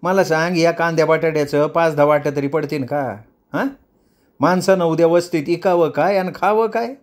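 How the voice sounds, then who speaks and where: A man doing a shrill scolding old woman. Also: normal speed, close to an everyday voice.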